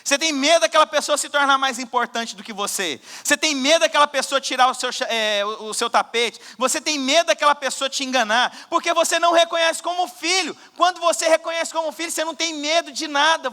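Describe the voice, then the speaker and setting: A man preaching a sermon as pastor, swinging between loud exhortation and quiet asides. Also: extremely high pitch, fairly quick, hardly any pauses. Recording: church hall with long reverb.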